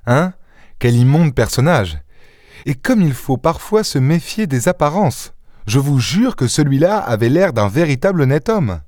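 A man reading an audiobook voices a boastful, witty gentleman thief with theatrical exclamations. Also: mid-range voice, sing-song, normal speed, no room sound, clean studio sound, pitched above the performer's own voice, close to an everyday voice. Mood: scornful. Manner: theatrical, exclaiming, mock-indignant.

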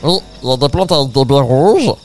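A man's voice: mid-range voice, animated, a little fast, a little mellow. A man improvising an adventure story in dialogue, playful and hesitant, repeating words as he goes.

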